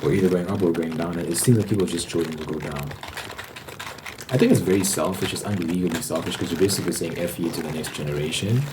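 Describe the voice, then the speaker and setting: Low-pitched and quick-talking, this ASMR host delivers a loose, informal monologue, repeating phrases for emphasis. Typing and crinkling noises come through clearly in the recording.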